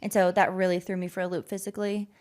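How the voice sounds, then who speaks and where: A woman's voice: lowish voice, level tone, quick pace, a little mellow, clear, resonant tone. Candid woman podcast co-host. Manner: candid, laughing, talks through personal story. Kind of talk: casual chat.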